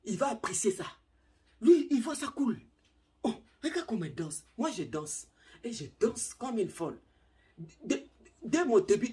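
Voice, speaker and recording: A middle-aged woman giving casual relationship advice to camera, animated, acting out little scenes and repeating words. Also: a little high.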